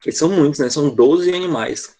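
A man's voice: on the high side, quick pace, dark tone, a little hiss or hum. A man teaching an online English lesson to children, patient and constantly checking in with short questions. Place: online class over a video call.

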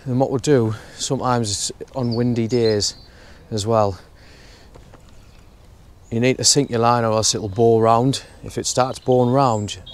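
A young man explaining his fishing setup in a relaxed, step-by-step way while outdoors at a lake. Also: mid-range voice, a little slow, slight background noise. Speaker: fishing vlogger. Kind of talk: casual how-to narration. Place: outdoors at a lakeside bank.

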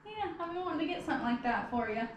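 High-voiced playful woman, echoey room. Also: lively intonation, racing, recorded from a distance, dull audio, very noisy. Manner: playful, giggly. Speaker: vlogger's wife, co-host. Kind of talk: casual chat. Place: apartment, then outdoor restaurant.

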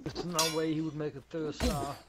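A man's voice: on the high side, little pitch movement, normal speed, noisy background. A man chatting over in-game voice chat, teasing another player and laughing often. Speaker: fellow player.

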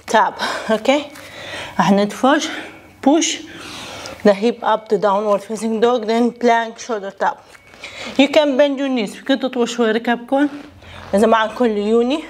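Casting: young Lebanese woman, native Arabic speaker, fitness instructor giving short bilingual cues at a slow pace, recorded with noise behind. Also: on the high side, a little mellow. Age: young adult. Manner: short imperative cues while exercising. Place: living room at home, indoors.

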